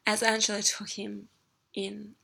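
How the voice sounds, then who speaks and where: Gravelly whispering woman narrator. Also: mid-range voice, monotone, unhurried. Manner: hushed breathy narration, often whispered. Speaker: story narrator. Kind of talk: whispered role-play.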